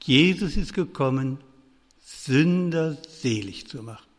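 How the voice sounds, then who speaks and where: An older man giving a pastoral sermon lecture, speaking directly to his listeners and moving between raised urgent appeals and quiet, low phrases. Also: lively intonation, slow pace. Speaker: preacher. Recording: long reverb of a hall.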